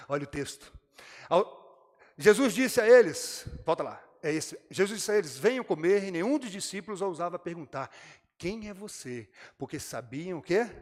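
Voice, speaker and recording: The big-room sound of a church surrounds a pastor with a slightly high voice and a Brazilian Portuguese accent. Speaking straight to his congregation, he voices each character's lines as his sermon's story unfolds.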